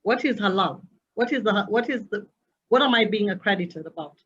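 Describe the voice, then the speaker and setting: Woman, from Kenya, heavy voice, soft-spoken, explanatory, hesitant fillers, dull lo-fi video call audio. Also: mid-range voice, expressive, a little fast. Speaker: panelist, dairy manufacturer. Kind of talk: panel discussion remarks.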